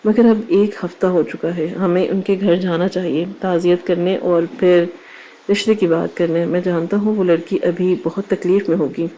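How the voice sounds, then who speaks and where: A woman reads a moral story aloud in an even, measured way. Her voice sits low and sounds mellow and warm. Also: dull audio. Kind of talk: scripted story narration.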